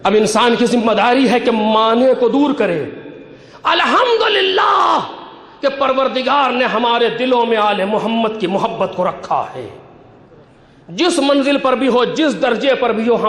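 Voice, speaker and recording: Male cleric, fiery sermon, very high and lively pitch, shouted peaks, echoey hall. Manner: preaching with rising shouted peaks and quotes in Arabic. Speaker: Shia cleric giving a majlis sermon. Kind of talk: impassioned religious sermon.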